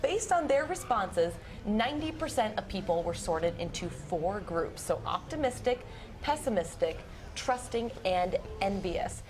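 A woman's voice: mid-range voice, big pitch swings, measured pace, crowd noise. A young woman news anchor on a morning show panel, explaining research step by step in a chatty way. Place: TV news studio.

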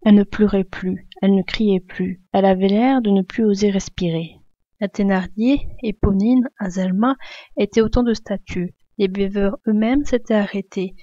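A woman reading a classic novel aloud, expressively, raising her voice for the characters' shouts. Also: mid-range voice, moderate pace, no room sound, lo-fi sound. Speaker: reader.

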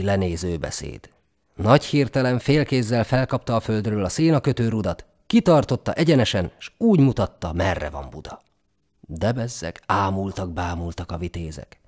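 A man reading a folk tale aloud in a dramatic, expressive storybook narration. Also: fairly low pitch.

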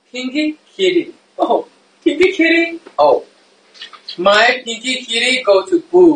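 A man hosting a casual live stream, playful and giggly, often breaking into laughter. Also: high voice. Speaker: livestream host. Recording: echoey room, mic at a distance.

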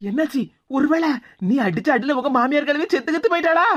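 A woman's voice: high voice, lively intonation, quick pace, background noise. A woman voicing a feisty, blunt young cartoon woman who scolds, with a Tirunelveli Tamil accent. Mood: scolding. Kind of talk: cartoon voice acting. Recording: dull lo-fi recording.

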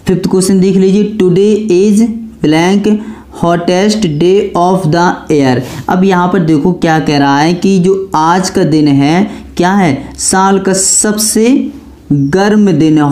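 A man's voice: fairly high pitch, warm tone. A male teacher giving an exam-prep grammar lesson, who keeps asking rhetorical questions and answering them himself, repeating each key point.

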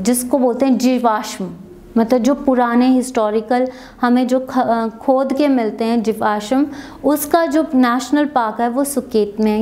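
A woman's voice: high-pitched, a little mellow. A woman teacher giving an exam-prep lecture, asking questions and answering them herself. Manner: asks and answers her own questions.

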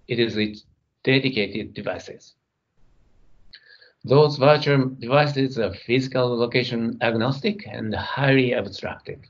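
A middle-aged man giving a technical conference keynote from his computer, speaking in a measured way as he talks through his slides. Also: mid-range voice, lo-fi sound. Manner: measured, reading slides, some non-native grammar.

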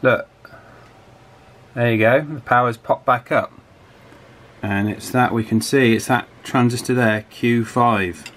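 Speaking unhurriedly with long pauses, a man with a medium-pitched, fairly bright voice thinks aloud with some hesitation during a casual hands-on repair demo. He presents as an electronics repair hobbyist in a small indoor office workshop, and the table fan's wind noise is clearly audible.

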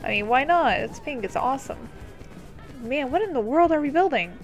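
High-pitched woman doing casual gameplay commentary. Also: animated, moderate pace, highs cut off, faint music behind. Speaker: let's play host.

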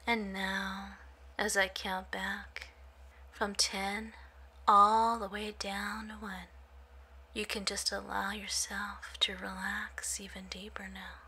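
A woman whispering a hypnosis induction in a slow, soothing, repetitive way. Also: medium pitch, level tone, pushed and bright, a little hiss or hum.

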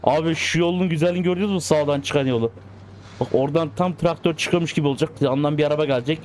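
Excitable young-sounding man narrating a driving game. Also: a little high, very fast, a little hiss or hum. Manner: excitable, coaxing the cars like pets. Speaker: gaming channel host. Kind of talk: casual gameplay commentary.

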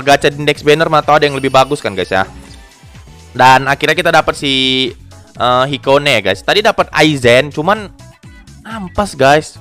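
A man giving casual, excitable commentary on game gacha pulls, groaning, pleading and talking to his viewers. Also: mid-range voice. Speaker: gaming YouTuber.

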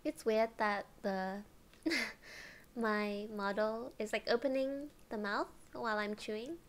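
A woman streamer chatting casually, giggling often and drifting into soft whispers. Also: medium pitch, steady tone, slow.

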